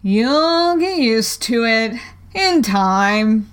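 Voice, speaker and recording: A woman voicing a stern male caterpillar who smokes a hookah, with a slow, drawling, curt delivery. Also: on the high side, expressive, clean tone. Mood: disapproving.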